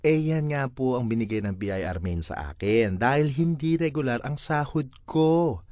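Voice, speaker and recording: A man with a Filipino accent reads a comic monologue dramatically, sounding theatrical and exasperated. His mid-range, darkish voice is expressive and moves at a normal speed. The recording is clean studio sound with no room echo.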